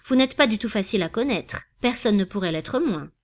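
A woman reading a thoughtful young woman from an audiobook novel. She answers coolly and politely, guarded, in a middle-pitched voice. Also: expressive, brisk, lightly acted. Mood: reserved.

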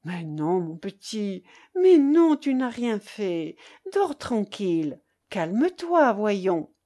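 A woman reading aloud, voicing a gentle mother who soothes her sick child in a soft, coaxing way. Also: mid-range voice, big pitch swings, takes it slowly. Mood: soothing.

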